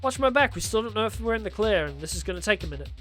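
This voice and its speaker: A man's voice: high voice, expressive, racing, fairly bright tone, soft background music. A man voicing a brash, defiant young rebel daughter and mechanic in a dramatic story, blunt and sardonic. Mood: brisk, dry.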